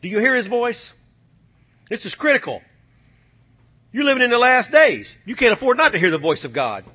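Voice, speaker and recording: A man preaching a sermon, swinging from low, quiet passages to shouted, fiery calls to the congregation. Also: very animated, moderate pace, breathy edge.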